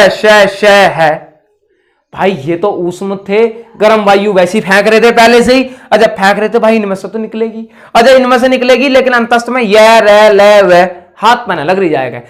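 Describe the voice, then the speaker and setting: A man's voice: sits high, a bit bright. A man teaching a grammar lesson in a chatty, rustic way, asking questions and then answering them himself. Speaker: Hindi teacher. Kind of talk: classroom lecture.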